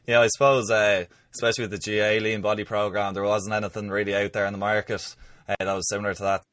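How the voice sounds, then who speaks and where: A man's voice: on the low side, little pitch movement, fast talker, fairly bright tone, no echo, studio quality. A man with an Irish accent hosting a podcast, introducing and chatting in plain conversational language. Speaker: podcast host.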